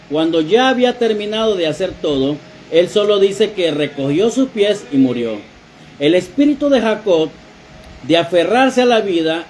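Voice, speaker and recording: High-voiced man preaching a sermon. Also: darkish tone, a little hiss or hum. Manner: storytelling preacher addressing the congregation.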